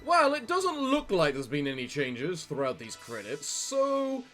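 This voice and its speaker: A man's voice: on the high side, huge pitch swings, a little slow, fairly bright tone, soft background music. A man co-hosting a casual let's play, rambling along with a theatrical streak. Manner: rambling, theatrical sign-offs. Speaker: gaming channel co-host.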